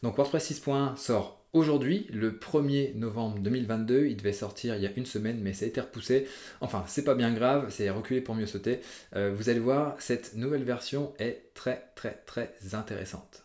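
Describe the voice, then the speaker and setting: A man hosting a casual software tutorial, chatty and upbeat with frequent filler sounds as he talks through his screen. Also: medium pitch, echoey room. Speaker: WordPress tutorial host.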